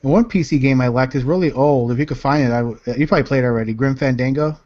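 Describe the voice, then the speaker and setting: A man around forty talks casually in a laid-back, slangy manner, with a mid-pitched voice. The sound is dry and close but a bit dull, like an online voice chat. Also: rapid-fire, a little mellow, no echo. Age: about 40.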